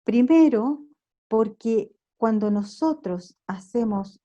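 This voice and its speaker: Slow, mellow woman leading a prayer workshop. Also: fairly high pitch, expressive, lo-fi sound. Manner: slow, reflective, fills pauses with "eh" and "¿no es cierto?". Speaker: workshop leader. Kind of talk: teaching contemplative prayer. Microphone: online video call recording.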